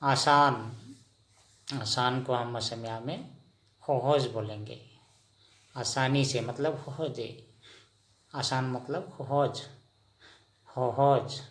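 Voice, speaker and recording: A man teaching vocabulary in a slow lesson, asking the listener each word and then repeating the answer. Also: mid-range voice, steady tone, fairly bright tone. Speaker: language teacher.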